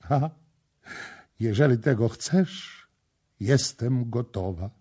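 A man's voice: medium pitch, animated, takes it slowly, dark tone, slightly rough, pitched above the performer's own voice. A man reading the part of a young priestess in an audiobook, tearful and pleading.

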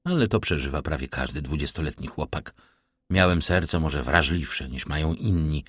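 A man voicing a reserved, melancholy nobleman who gives low, measured replies. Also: fairly bright tone, husky, dry recording, studio quality, full character voice. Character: grave, reserved nobleman count, middle-aged man.

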